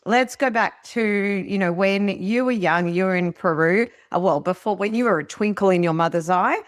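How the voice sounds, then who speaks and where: A woman's voice: medium pitch, moderate pace, no room sound, studio quality. Chatty woman podcast host. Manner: chatty, laughs often. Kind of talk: casual interview chat.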